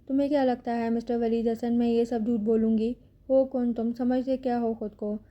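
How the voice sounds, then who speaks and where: A woman reading the part of a frightened but defiant young woman held captive, pleading and sharp-tongued. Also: a little high, level tone, highs cut off, natural voice. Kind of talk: audiobook character reading.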